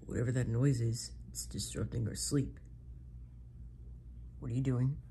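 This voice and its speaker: Mario, voiced by a performer in a homemade toy skit, is a jumpy, whiny plumber hero who is easily frightened by every odd sound. He speaks at an ordinary middle pitch. A faint hiss of noise sits under the recording. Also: steady tone, a little slow, dark tone, lightly acted. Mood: scared. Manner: jumpy, complaining, bickering. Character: sleepy grown man, plumber hero, easily spooked. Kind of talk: comedy skit with toys.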